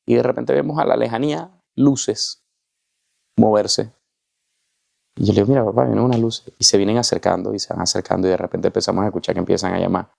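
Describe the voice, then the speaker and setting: A man's voice: on the low side, fairly even intonation, a little fast, vocal fry, a little mellow, no echo, studio quality. A man giving a personal faith testimony, telling his story with emotion and acting out the voices in it. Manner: emotional storytelling, with vivid reenactment of dialogue. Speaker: testimony speaker.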